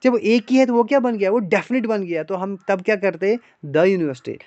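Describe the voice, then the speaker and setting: A man's voice: high-pitched, a little fast, darkish tone, no room sound. A man teaching English grammar to exam aspirants, explaining step by step and asking rhetorical questions, speaking Hindi mixed with English. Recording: dry, slightly dull online lecture audio.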